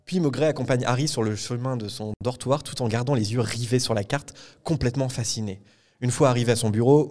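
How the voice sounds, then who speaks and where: A man hosts a podcast taped in front of an audience. His voice sits in a middle register, and he retells a book chapter at length, pausing often on "euh". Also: mid-range voice, darkish tone. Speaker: podcast host. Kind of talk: casual book discussion before a live audience. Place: live recording at a public event.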